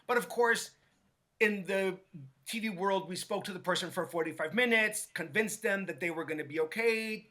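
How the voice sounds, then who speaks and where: A man, a hairstylist guest, telling a story in an animated way and acting out what others said. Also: sits high. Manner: acts out quotes with lively voices, many restarts.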